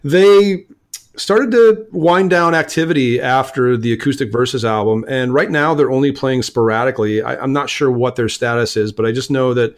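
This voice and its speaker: A man's voice: mid-range voice, normal speed. Enthusiastic man chatting about music. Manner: enthusiastic, stammers and restarts often. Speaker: podcast co-host. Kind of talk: casual music podcast chat.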